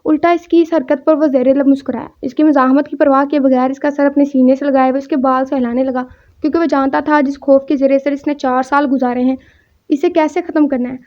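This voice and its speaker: A woman's voice: high voice, fairly even intonation, darkish tone. A woman reading a romance novel aloud, narrating and speaking every character's lines in her own voice. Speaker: audiobook narrator. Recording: dull lo-fi recording.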